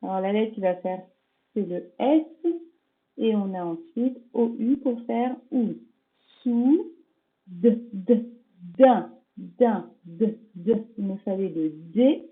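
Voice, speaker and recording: A woman teaching young children remotely, slowly sounding out letters and syllables in a gentle, reassuring way. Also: mid-range voice. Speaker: primary school teacher. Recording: tinny phone-like home recording.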